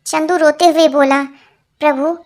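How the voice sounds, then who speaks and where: Woman narrator, high voice, reading jokes, acts out quotes. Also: fairly even intonation, normal speed. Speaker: joke narrator.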